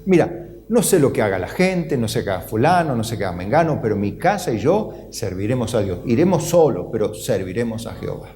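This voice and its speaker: A man's voice: big pitch swings, fairly quick, dark tone. A middle-aged Argentine man preaching a sermon as pastor, acting out the voices of Bible figures. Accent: Argentine Spanish. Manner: acts out Bible figures' voices with rising pitch.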